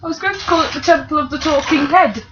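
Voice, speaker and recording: A woman playing a tabletop game, with a high, bright voice. She talks in a cheeky, giggly way. The recording is dull and lo-fi, with music in the background. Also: quick pace, far from the mic, a little hiss or hum. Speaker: player. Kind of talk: casual chat around a tabletop game.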